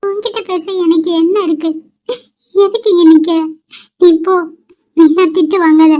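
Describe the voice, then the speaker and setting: A woman's voice: extremely high pitch, steady tone, normal speed. A woman voicing a troubled young woman in a dubbed cartoon, who is facing an unwanted marriage and speaks in a flustered, pleading way. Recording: dull lo-fi recording.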